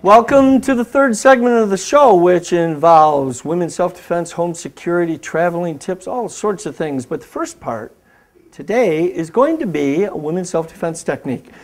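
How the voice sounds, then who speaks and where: Guy hosting a safety show, calls out self-defense moves step by step, kinda high voice. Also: lively intonation, moderate pace, faint music behind. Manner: coaching, giving step-by-step commands. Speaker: host and martial arts instructor. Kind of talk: instructional demonstration, talk show.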